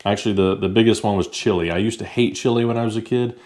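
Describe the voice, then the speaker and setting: Low-voiced easygoing man. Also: steady tone, fast talker, a little mellow. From United States. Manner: easygoing, chatty, talks while eating. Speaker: vlogger. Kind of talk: casual food-tasting chat.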